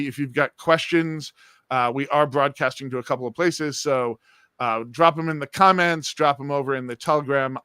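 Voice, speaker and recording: A man's voice: mid-range voice, sharp tone, smooth, no echo, clean studio sound. A man hosting an online accelerator session, upbeat and leaning on frequent filler sounds. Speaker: host. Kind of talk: livestream session host.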